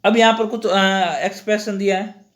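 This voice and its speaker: A man's voice: sits high, level tone, normal speed. A man teaching an exam-prep lesson, explaining step by step, quizzing the class and often correcting himself mid-sentence. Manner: explains step by step, keeps asking the class questions.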